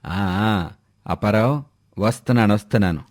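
Old village father, man voicing him, lowered soft voice, slow, humble, pleading. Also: no echo, studio quality, close to an everyday voice.

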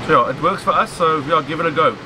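A South African man in his forties talks through his fishing setup in an easygoing, practical way. His voice sits a little high for a man. Loud surf roars behind him on the open beach. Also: fast talker. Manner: relaxed, practical explaining with many "so" and "okay". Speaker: fishing instructor. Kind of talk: outdoor how-to demonstration. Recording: loud surf and wind noise. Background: crashing waves.

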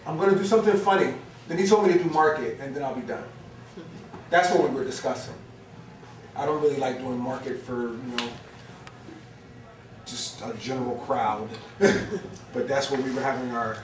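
A man's voice: medium pitch, distant mic, noisy background. A middle-aged man from New Jersey with a New Jersey accent, performing spoken word in a small bar and joking loosely and profanely with the crowd. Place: small brick-walled bar lounge, indoors. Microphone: stand mic, recorded by a far camera. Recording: roomy live bar sound from afar. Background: audience ambience and laughter.

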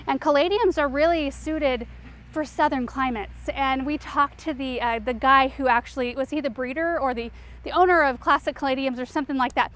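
High-voiced chatty woman touring her garden. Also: moderate pace, fairly bright tone. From Eastern Oregon, US. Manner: chatty, enthusiastic, lots of fillers like "um" and "like". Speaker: garden show host. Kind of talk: casual garden tour walkthrough. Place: outdoor home garden.

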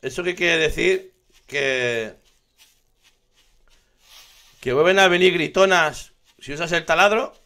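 A man with a Spain Spanish accent giving live gameplay commentary, excitable, swearing constantly and laughing often. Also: fairly high pitch, slow pace, pauses often. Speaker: gaming streamer.

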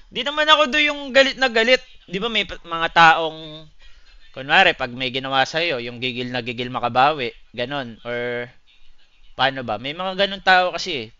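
A man's voice: mid-range voice, pushed and bright, clear, resonant tone, no echo, highs cut off. A man chatting loosely with his live-stream viewers, swearing often and calling them buddy. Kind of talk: casual live-stream chat answering viewers.

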